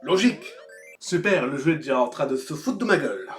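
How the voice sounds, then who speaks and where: A man with a slightly high voice and lively intonation talks a little fast, narrating a humorous, sarcastic, foul-mouthed scripted review as the host of a retro video game show. Music plays behind him in a roomy, echoing space.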